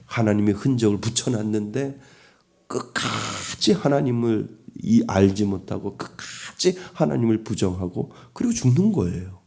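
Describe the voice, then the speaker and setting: A man's voice: fairly low pitch, expressive, normal speed, creaky, dark tone, breathy edge. A middle-aged man preaching a sermon as pastor, asking the congregation rhetorical questions.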